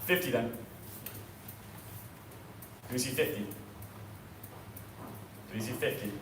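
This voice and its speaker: An auctioneer calls live bids indoors in a sale room, chanting prices and increments over and over. His medium-pitched voice is a bit bright and he takes it slowly. The room is echoey, with a distant mic and background noise.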